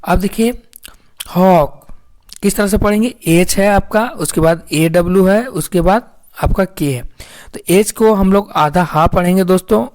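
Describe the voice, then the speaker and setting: A woman's voice: lowish voice, measured pace, a little mellow. Woman teaching phonics, keeps asking questions. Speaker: English teacher. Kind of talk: phonics lesson.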